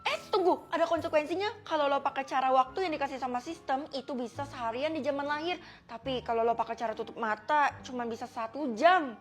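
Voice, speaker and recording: A woman's voice: high voice, fast, close to an everyday voice. A woman voicing a smug, teasing teenage schoolgirl in a cartoon story.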